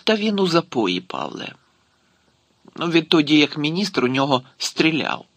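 A man's voice: on the high side, big pitch swings, a little slow, fairly bright tone, no echo, full character voice. A man voicing a wry, talkative Soviet security officer who explains things to his superior. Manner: chatty, amused explaining.

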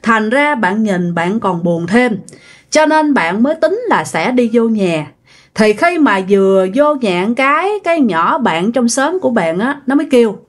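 A woman's voice: on the high side, big pitch swings, a little slow. A woman telling a ghost story in a chatty, folksy way. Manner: chatty, folksy, acts out quoted voices. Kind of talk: casual ghost story narration.

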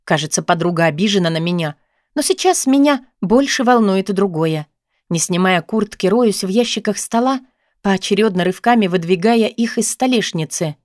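A woman narrating a novel in the first person, in a steady, even storytelling manner. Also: medium pitch, normal speed, no room sound, studio quality. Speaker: audiobook narrator.

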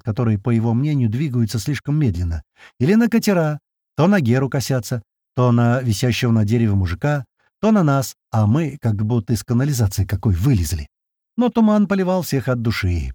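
A man narrating a first-person audiobook in a colloquial, wry and expressive way. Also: mid-range voice, no echo, clean studio sound.

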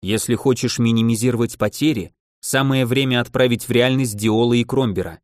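A man's voice: medium pitch, fairly quick, dry recording, studio quality, lightly acted. A man voicing a cool, calculating male mage who speaks in a level, composed way.

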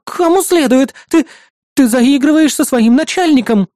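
A man's voice: very high-pitched, brisk, mellow, no room sound, studio quality, pitched above the performer's own voice. A man voicing a bossy, jealous young woman in an audiobook, scolding and bickering. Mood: indignant. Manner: indignant, bickering. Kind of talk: audiobook character voice.

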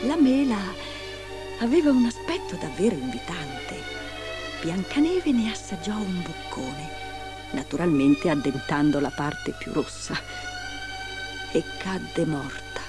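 A woman reading a fairy tale aloud in an expressive, dramatic storybook style. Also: lowish voice, takes it slowly, over music.

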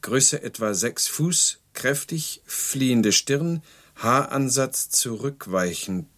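A stiff, dutiful police sergeant in an old radio play, formal and literal-minded. His voice sits at a mid-range male pitch. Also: animated, takes it slowly, a bit bright. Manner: formal, dutiful, reads reports crisply. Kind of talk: 1970s radio drama acting.

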